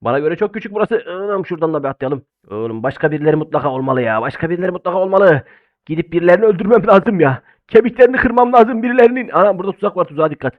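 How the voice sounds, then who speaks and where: A young man rattles off fast let's-play commentary, bursting into loud exclamations and dropping to low mutters. His voice sits a little high. The sound is narrow and phone-like. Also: lively intonation. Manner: loud, exclamatory, swings between shouting and muttering. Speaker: gaming YouTuber.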